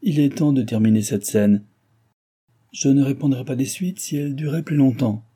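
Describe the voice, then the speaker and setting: A man voicing a firm, kindly older doctor who speaks in a brisk, commanding way, in a read-aloud novel. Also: mid-range voice, mellow, slightly rough, voice pushed up, natural voice.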